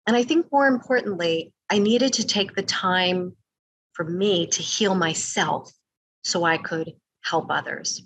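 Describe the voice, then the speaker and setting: A woman's voice: lowish voice, unhurried, fairly bright tone, rough recording. A woman sharing her own experience in a thoughtful, candid way. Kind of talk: personal testimony.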